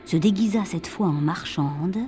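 A woman narrating a fairy tale in an expressive storybook reading, dropping to whispers for suspense. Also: fairly low pitch, measured pace, faint music behind.

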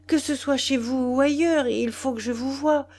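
A woman's voice: sits high, fairly even intonation, normal speed, darkish tone, voice pushed up. A woman reading the part of an ardent young man who pleads insistently with the woman he loves, in a storybook reading. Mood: pleading.

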